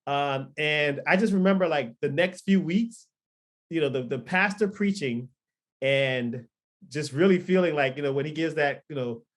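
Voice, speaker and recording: Speaking at a normal speed in a slightly high voice, a Liberian-born, Florida-raised man in his thirties recounts his life for a podcast interview. He's a pastor and record producer, and his relaxed testimony wanders, packed with ums and restarts.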